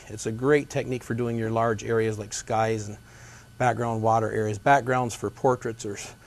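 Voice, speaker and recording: A man gives a painting demonstration as a gentle instructor. His voice sits at a medium pitch, and he explains each step in an easygoing, folksy manner.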